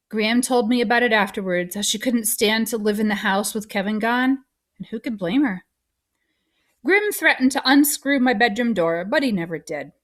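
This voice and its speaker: A woman reading a novel aloud, expressive. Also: mid-range voice. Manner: expressive first-person narration. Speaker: audiobook reader.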